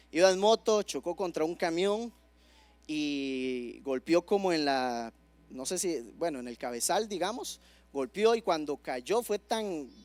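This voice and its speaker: A young man preaching a sermon, emphatic, swinging from near-shouts down to quiet, low lines. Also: no echo.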